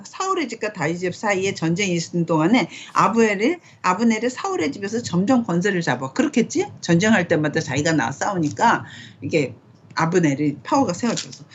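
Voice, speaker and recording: A woman's voice: mid-range voice, husky. A middle-aged woman casually teaching a Bible study at home, asking questions and reading scripture aloud. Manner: conversational, asks questions, reads scripture aloud. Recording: dull lo-fi home recording.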